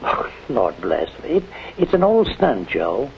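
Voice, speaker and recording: An actor playing a genial, condescending middle-aged American plant manager, lecturing in a measured way in 1940s instructional film style. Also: male voice, medium pitch, wildly swooping pitch, creaky, heavily acted. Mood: amused, advising. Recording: muffled, noisy 1940s film soundtrack.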